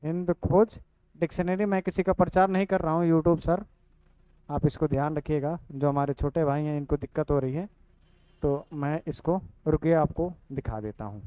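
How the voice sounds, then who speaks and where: High-voiced man teaching. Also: steady tone, moderate pace, warm tone, smooth, dry recording, low-quality recording. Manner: repeats "ठीक है" and addresses students directly. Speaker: online coaching teacher. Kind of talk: casual explanatory lesson.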